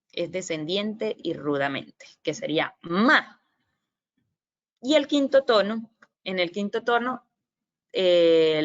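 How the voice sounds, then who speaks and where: Over a video call, a Mandarin language presenter teaches the basics, modeling tones by sounding out example syllables and explaining patiently with frequent fillers. Her voice is lowish and a bit bright, and the computer mic makes the audio slightly dull and lo-fi.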